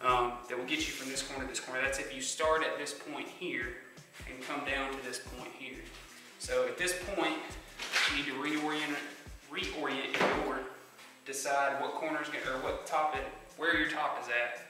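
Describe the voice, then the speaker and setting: A man presenting a casual woodworking how-to in a plainspoken, steady way with frequent ums, his voice carrying a big hall-like echo. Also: medium pitch, moderate pace. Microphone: phone camera mic. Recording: very echoey phone audio from a distance, loud music behind.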